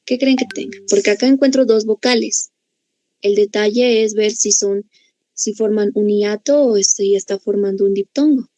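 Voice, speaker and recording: Teaching grammar with patient explanations and frequent check-ins, this woman speaks with a Bolivian Spanish accent. Her warm, mid-range voice moves at a moderate pace, and although there's no echo, the audio is poor.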